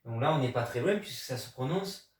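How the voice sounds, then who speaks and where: A man's voice: medium pitch, expressive, brisk. Man teaching in a roomy, distant echo. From France. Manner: patient, explanatory, emphatic on key words. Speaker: Chinese teacher. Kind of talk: video language lesson. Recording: echoey room, voice away from mic.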